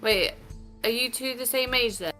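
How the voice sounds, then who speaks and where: A woman's voice: on the high side, moderate pace, pushed and bright. A woman of about thirty rambling casually while she plays a game. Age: 30s. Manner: rambling and easily lost. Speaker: gaming stream co-host. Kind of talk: casual chat. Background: game music.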